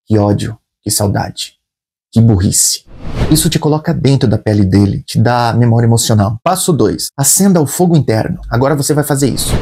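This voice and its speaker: A man, giving an energetic step-by-step acting lesson straight to the viewer. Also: medium pitch, slightly rough. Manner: energetic, addresses the viewer directly with step-by-step prompts. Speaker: acting coach. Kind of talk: instructional video monologue.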